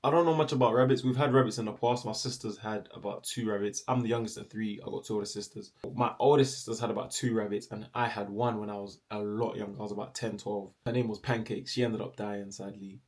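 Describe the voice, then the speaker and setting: Give me a lively young man telling a story. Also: lowish voice, fast talker, hardly any pauses. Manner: animated, slips into playful voices for others. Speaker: storyteller vlogger. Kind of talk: casual storytelling.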